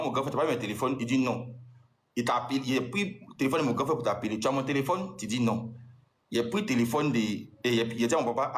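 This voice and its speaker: A man's voice: medium pitch, echoey room. A man with an Ivorian French accent gives a heated, accusing account aimed at his ex, often repeating himself. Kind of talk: heated personal account addressed to an ex.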